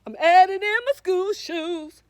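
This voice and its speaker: A woman with a very high voice reads a children's storybook aloud, a little slowly, over heavy noise. She sounds like a librarian or storyteller, sing-song and encouraging, repeating things for emphasis and asking the young listeners questions.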